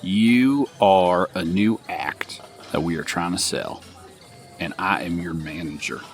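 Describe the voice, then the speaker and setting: A man's voice: deep voice, takes it slowly, faint music behind. A man chatting casually and in character as a player in a tabletop game. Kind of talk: casual roleplay chat.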